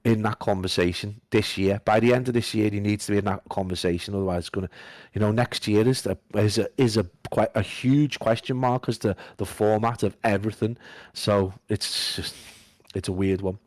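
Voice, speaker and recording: A man guesting on a casual podcast, talking in a flat monotone while feeling unwell. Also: on the low side, brisk, no echo. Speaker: guest esports caster.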